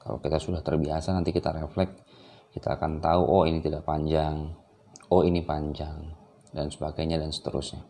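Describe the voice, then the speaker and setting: A man teaching how to read the Quran, drawing out example syllables slowly and then explaining calmly with some hesitant fillers. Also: a bass voice. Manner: slow drawn-out recitation examples alternating with calm explanation. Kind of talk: recorded reading lesson.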